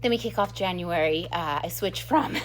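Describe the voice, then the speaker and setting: A middle-aged second grade teacher with a slightly low voice talks to the camera at a normal pace, eagerly recommending books in a casual, giggly, enthusiastic way. A faint hum runs under the recording.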